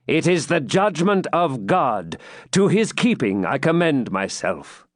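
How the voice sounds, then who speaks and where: A man's voice: a little high, sing-song, slow, no echo, studio quality, full character voice. A man reading aloud and voicing a proud young knight who declaims his challenge in a raised voice. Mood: resolute.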